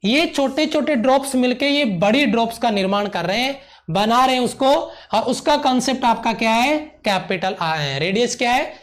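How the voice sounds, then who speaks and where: A man with a very high voice teaches physics in a live online lecture at a moderate pace. He's emphatic, repeats key points, often checks that students are following, and showers them with praise.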